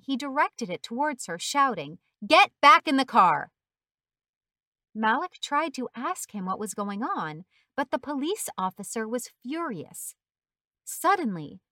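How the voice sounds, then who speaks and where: A woman narrates a short story in a steady, earnest reading voice. Her voice is on the high side, recorded close with a dry, dead sound and no room echo.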